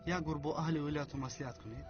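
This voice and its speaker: An actor dubbing a polite doctor who tries to persuade a patient. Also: male voice, on the high side, steady tone, close to an everyday voice. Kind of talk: dubbed TV drama. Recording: lo-fi with music underneath.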